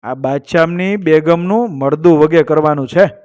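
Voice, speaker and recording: A man voicing a worried male merchant who pleads quietly for help. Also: on the high side, normal speed, smooth, lo-fi sound, close to an everyday voice.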